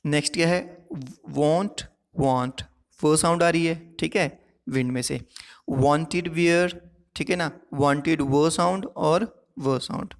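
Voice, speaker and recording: A male teacher with a fairly high voice, walking listeners through a lesson one step at a time. He keeps stopping to check that they are following. His voice rings with a long reverb, as in a hall. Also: steady tone, unhurried, creaky. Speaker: English teacher. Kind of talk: classroom lesson explaining poetic devices.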